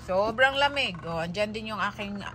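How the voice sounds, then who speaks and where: A woman's voice: mid-range voice, expressive, normal speed, background noise. A young adult Filipino woman vlogging casually, talking to her pets and viewers in a mix of Tagalog and English. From Philippines. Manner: coos and scolds pets in baby talk, switching between Tagalog and English. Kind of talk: casual vlog chat.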